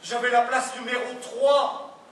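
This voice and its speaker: A man acting a stiff, overly polite husband in an absurdist stage play, speaking in a formal, ceremonious deadpan. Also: very high-pitched, measured pace. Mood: stiffly polite. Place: theatre stage. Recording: echoey stage sound from a distant mic.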